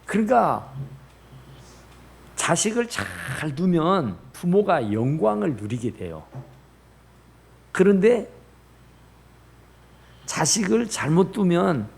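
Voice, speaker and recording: A man's voice: sits high, big pitch swings, slow pace, creaky, pauses often, darkish tone, husky. A man preaching a sermon as pastor in a church, rising in bursts and dropping to near whispers. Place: church sanctuary.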